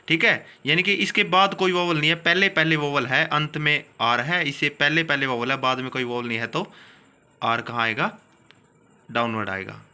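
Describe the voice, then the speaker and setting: A man teaching a steno class, explaining rules step by step and repeating words slowly. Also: medium pitch, sharp tone.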